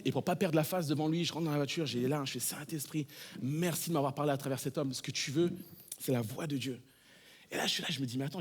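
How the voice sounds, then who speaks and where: A man in his thirties preaching a sermon as pastor, telling a story with animated swings between hushed and loud delivery. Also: a little high, breathy edge. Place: church.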